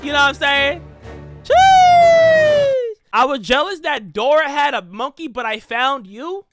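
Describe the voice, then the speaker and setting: A man giving casual reaction commentary, teasing and rambling, now and then breaking into shouts. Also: extremely high pitch, expressive, moderate pace, over loud music. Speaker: reaction streamer.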